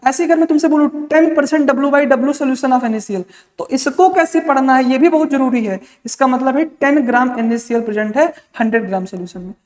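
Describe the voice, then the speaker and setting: Speaking fast in a very high-pitched, somewhat mellow voice, this man teaches chemistry in an exam-prep lecture. He calls his students "beta," mixes in English terms, and fields his own questions. A long reverb fills the echoey room.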